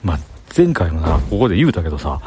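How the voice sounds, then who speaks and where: Strolling outdoors through the city, a vlogger speaking Kansai's Banshu (Himeji) dialect chats to himself on camera in a casual, thinking-aloud monologue. He talks fast in a low, dark voice with big pitch swings, against slight background noise.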